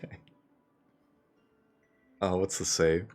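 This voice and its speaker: A man's voice: sits low, flat delivery, slow, a little mellow, faint music behind. A man running a tabletop game as game master, narrating with hesitant fillers and frequent laughs.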